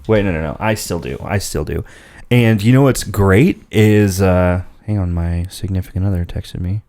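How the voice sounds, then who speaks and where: A young man with a fairly low voice trades loose, rambling banter as co-host of a small podcast. He laughs easily and drifts off mid-thought. The sound is dry and close, taped in a spare-room office. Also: normal speed, warm tone, dry recording. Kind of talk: casual banter.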